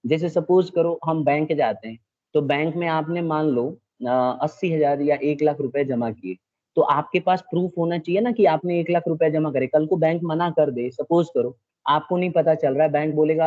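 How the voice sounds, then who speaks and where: Patient male teacher, slightly high voice. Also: normal speed, narrow, tinny audio. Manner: patient, checks understanding often, mixes in English terms. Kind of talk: classroom lecture.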